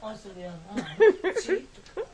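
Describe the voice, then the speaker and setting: A woman's voice: medium pitch, lively intonation, normal speed, darkish tone, distant mic. A woman from Brazil in casual chat among friends, exclaiming often and breaking into giggles, filmed on a home video camera.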